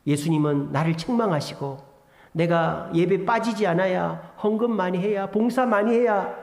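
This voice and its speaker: A male pastor preaching a sermon, emphatic, swinging between loud exhortation and hushed asides. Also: high-pitched, normal speed, gravelly. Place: church sanctuary. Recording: echoey church hall with long reverb.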